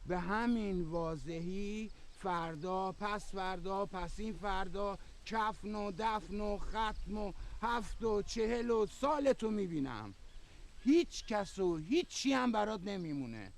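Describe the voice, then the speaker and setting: A scornful, taunting uncle. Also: male voice, high voice, expressive, vocal fry, slight background noise. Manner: taunting, sarcastic, mocking. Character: scornful uncle who taunts his niece. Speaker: the woman's uncle. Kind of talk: film drama acting.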